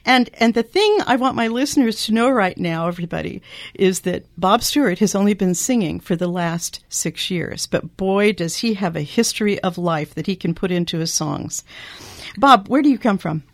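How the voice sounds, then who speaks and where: A woman's voice: medium pitch, expressive, moderate pace, no room sound. A woman hosting an interview show who also teaches singing, speaking with enthusiasm and addressing her listeners directly.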